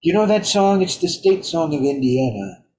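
A man's voice: a little high, very animated, normal speed, dark tone, slight background noise. A man in casual chat, telling stories about his gigs and chuckling as he goes. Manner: storytelling, chuckling. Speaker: guest musician. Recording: roomy echo.

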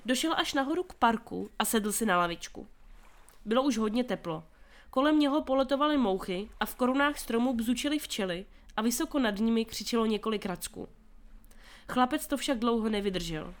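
Female narrator, slightly high voice, reads a children's story aloud and punches the characters' shouts hard. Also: lively intonation. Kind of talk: audiobook reading of a children's novel.

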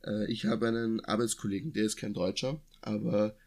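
Chatty Austrian man, low voice. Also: steady tone, fairly quick. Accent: Austrian, from near Vienna. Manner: talkative, rambling with many restarts and fillers. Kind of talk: casual chat.

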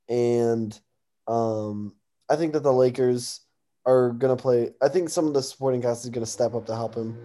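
A man's voice: mid-range voice, mellow. A young American man co-hosting a sports talk, casually giving predictions on games.

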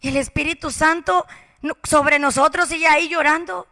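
A woman preaching a passionate sermon, swinging from loud exhortation to hushed whispers. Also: sits high, steady tone, normal speed. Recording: reverberant hall.

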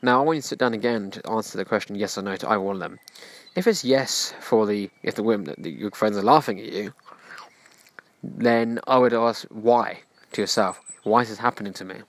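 Male podcast host, low-pitched, earnest self-help lecturing, dry recording. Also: brisk, no room sound. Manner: earnest, preachy, direct address to listener.

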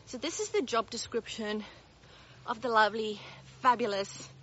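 A woman's voice: on the high side, animated, moderate pace, pushed and bright, lo-fi sound, slight background noise. An Australian woman talking straight to her viewers as a business mentor while walking uphill outdoors, a little out of breath, upbeat and direct. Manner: upbeat, direct, laughs often. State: slightly out of breath. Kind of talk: casual walk-and-talk vlog.

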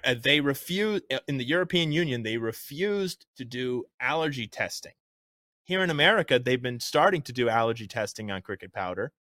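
A man hosts a political talk show with a punchy, opinionated delivery. He mixes commentary with a jokey streak. His medium-pitched voice comes through in a dry recording with very little room sound. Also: a bit bright, no room sound. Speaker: show host.

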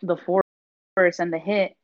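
A woman's voice: fairly low pitch, level tone, takes it slowly. A woman co-hosting a podcast, chatty and explaining things at length in a casual way. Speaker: podcast co-host. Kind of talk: casual chat. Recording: dull lo-fi audio.

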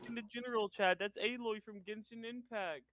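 Teasing man with a high, bright voice. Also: steady tone, brisk. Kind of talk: casual podcast chat.

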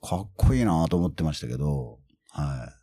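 A middle-aged man from Kumamoto, Japan, chatting casually as an interview guest and telling stories in an animated way, laughing often. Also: rumbling low, normal speed, vocal fry, slightly rough. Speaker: musician guest.

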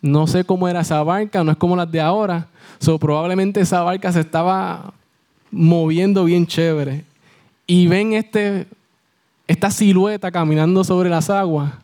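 A man's voice: high voice, fairly even intonation, normal speed, dark tone. A young man with a Puerto Rican accent, preaching a sermon as youth leader. He tells the story with animation, asking the congregation questions and answering them himself. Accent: Puerto Rican Spanish.

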